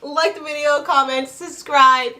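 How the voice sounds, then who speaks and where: A woman's voice: high voice, fairly even intonation, a little slow, pushed and bright, a little hiss or hum. A young woman from Canada hosting a food vlog, chatting casually and joking with a friend. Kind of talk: casual chat.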